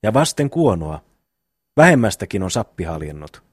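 Cheeky little brother poking fun, low husky voice, as a man reads him. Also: big pitch swings, no echo, studio quality, exaggerated voice. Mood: teasing. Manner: teasing, mocking. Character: youngest brother, cheeky mocking young man.

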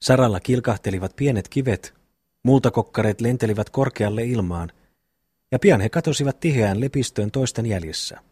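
A man's voice: medium pitch, lively intonation, warm tone, breathy edge, no echo. A man reading a novel aloud, narrating and speaking every brother's lines after naming each speaker. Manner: reads every brother's part in his own voice, naming each speaker first. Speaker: audiobook reader. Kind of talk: scripted narration.

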